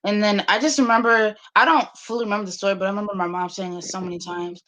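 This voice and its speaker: A woman's voice: medium pitch, steady tone, fast talker, fairly bright tone, slight background noise. A young woman talking as a guest in casual chat, hesitant and full of fillers. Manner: hesitant, lots of likes.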